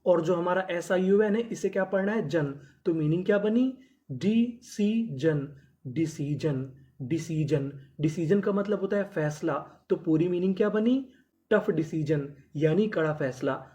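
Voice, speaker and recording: Male phonics teacher with a mellow, warm voice. Drills by asking a question and answering it himself, and spells words out slowly before saying them whole. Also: high-pitched, highs cut off. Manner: sounds out letters slowly, then blends them into words. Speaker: English teacher. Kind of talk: phonics lesson for Hindi speakers.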